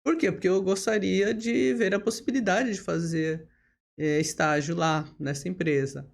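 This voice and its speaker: A Brazilian woman in her 50s, a lawyer and bar association leader, tells her own story as a guest on a podcast in a relaxed interview. Her voice is on the low side with a gravelly, fried edge, and she speaks steadily. She often checks in with small tag questions and fills gaps with hesitation fillers.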